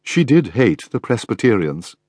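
A man's voice: medium pitch, big pitch swings, moderate pace, darkish tone, breathy edge, no echo, clean studio sound. A man voicing a blunt, probing young woman. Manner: forthright, probing.

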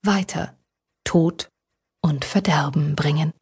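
Husky-voiced woman narrating an audiobook. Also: low voice, slow pace, darkish tone.

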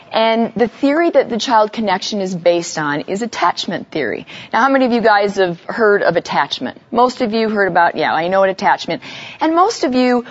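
A woman leads a live seminar for parents, talking to the audience in a loose, conversational way full of everyday examples. Her voice sits at an ordinary pitch for a woman. The live recording sounds a little dull and lo-fi. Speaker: parenting educator giving a live talk.

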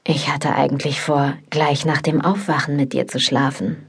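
A woman reading an audiobook, voicing a relaxed, confident young man who shares a flat and casually gives orders. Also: low-pitched, normal speed, slightly rough, heavily acted. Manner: easygoing, bossy. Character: young man, laid-back, confident flatmate and lover. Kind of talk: audiobook dialogue.

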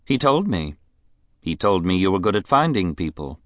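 A man reading a novel aloud, voicing a middle-aged rich woman with a clear voice and a bitter, mocking edge. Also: low voice, big pitch swings, normal speed, no echo, studio quality. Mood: brisk. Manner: languid, mocking, contemptuous. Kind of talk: audiobook character voice.

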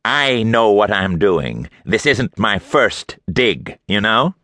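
A man's voice: fairly low pitch, very animated, slow pace, bright, forceful tone, no echo, voice pushed up, exaggerated voice. A man voicing a haughty, contemptuous middle-aged archaeologist with a nasal New England accent. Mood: frustrated.

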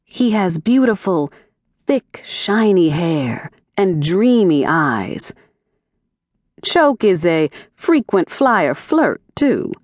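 A woman narrating a first-person mystery audiobook in a wry, animated storytelling manner, recorded in a studio. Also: lowish voice, very slow, dry recording. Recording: dry, close studio recording.

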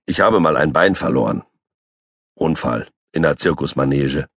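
A man's voice: very deep voice, lively intonation, moderate pace, fairly bright tone, no echo, clean studio sound. A man narrating a children's audiobook as a boastful, grumpy three-legged tomcat. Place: recording studio. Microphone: close studio mic.

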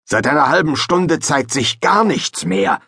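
A man's voice: medium pitch, sing-song, a little slow, breathy edge, dry recording, clean studio sound, voice pushed up, exaggerated voice. Man playing a blustering fisherman father. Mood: angry. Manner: blustering, shouting. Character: gruff older fisherman, quick-tempered father.

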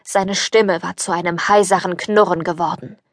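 A woman reading a children's fairy-tale audiobook in a calm, measured way, into a studio microphone. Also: lowish voice, no echo. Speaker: audiobook narrator.

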